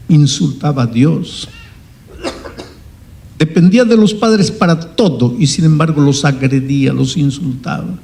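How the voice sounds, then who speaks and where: A man, a pastor, telling a story in a sermon with dramatic rises in pitch for emphasis. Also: gravelly, dark tone.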